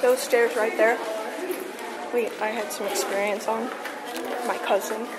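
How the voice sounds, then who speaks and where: A woman's voice: fairly high pitch, fairly even intonation, a little slow, over a noisy crowd. A woman on a ghost tour, chatting casually with the people around her. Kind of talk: casual chat. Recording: very noisy handheld amateur recording.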